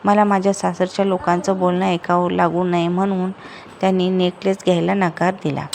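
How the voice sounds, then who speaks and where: A woman's voice: lowish voice, flat delivery, normal speed, gravelly, a little mellow, a little hiss or hum. A woman storyteller voicing an anxious, earnest young married woman. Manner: earnest, pleading.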